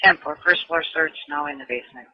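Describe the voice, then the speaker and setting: A man working as a police dispatcher over a walkie-talkie, briskly reading back each call. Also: a little high, no room sound. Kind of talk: terse police radio calls. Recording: archival lo-fi police radio.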